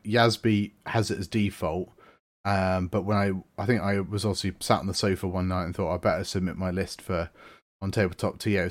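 A man co-hosting a casual podcast, chatty and stammering into restarts. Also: low-pitched. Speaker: podcast co-host. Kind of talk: casual chat.

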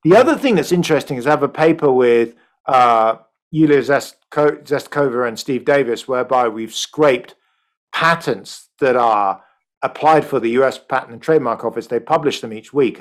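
A man answering interview questions in a brisk, explanatory way on a video call. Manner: brisk, explanatory, lively pitch. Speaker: economist guest.

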